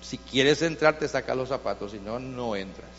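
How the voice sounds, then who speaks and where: A man's voice: mid-range voice, moderate pace, a bit bright, slight background noise. A male pastor preaching a sermon with passion, asking his listeners rhetorical questions. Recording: dull lo-fi sound with long hall reverb.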